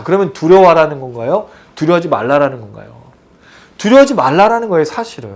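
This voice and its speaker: Animated male preacher, lively high voice. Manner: animated, asks the audience rhetorical questions. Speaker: pastor. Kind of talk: sermon.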